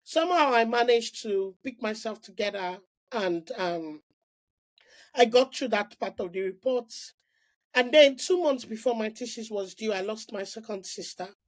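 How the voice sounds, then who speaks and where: Here a middle-aged woman from Nigeria shares her story on a podcast in casual, animated conversation, full of restarts and "like." Her voice leans high and a bit slow, and the audio quality is poor.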